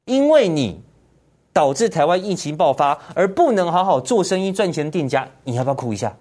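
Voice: medium pitch, very animated, fairly quick, a little mellow. A political commentary host, ranting indignantly in heated commentary and firing off repeated rhetorical questions.

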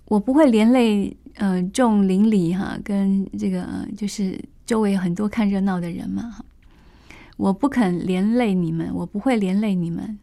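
A woman's voice: medium pitch, gravelly, mellow, lightly acted. Woman doing a proud, restrained male swordsman. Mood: resolute. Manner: measured, reasoning.

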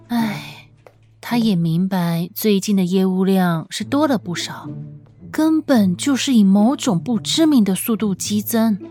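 A woman with a mid-range voice narrates scripted fiction as an audiobook reader, her delivery expressive, measured and dramatic. Background music plays under her voice.

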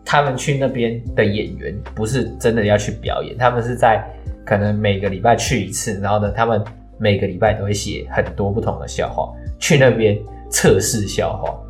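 A man's voice: lowish voice, steady tone, fairly quick, faint music behind. A young man, chatting casually and explaining things at length with hesitant fillers. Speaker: podcast co-host, student. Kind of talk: casual chat.

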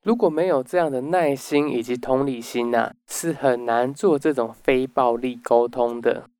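A man hosting a book summary talk, explaining step by step and dropping in soft "oh" particles. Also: mid-range voice, moderate pace, clean tone, dry recording. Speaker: podcast host.

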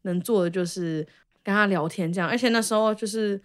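A young woman speaks Mandarin with a Taiwanese accent in a casual podcast chat. She is talkative and colloquial, with an expressive way of telling things at a medium pitch. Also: a little fast. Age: young adult.

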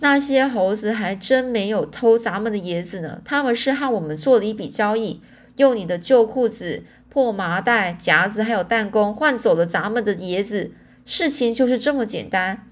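A woman's voice: mid-range voice, animated, normal speed, lightly acted. Stubborn old grandpa, as a woman reads him. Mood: wry. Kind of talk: audiobook reading.

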